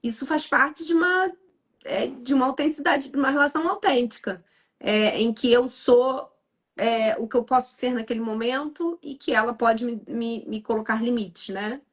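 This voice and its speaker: A woman psychologist and mother speaking in a casual podcast conversation, in a reflective, measured way. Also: on the high side.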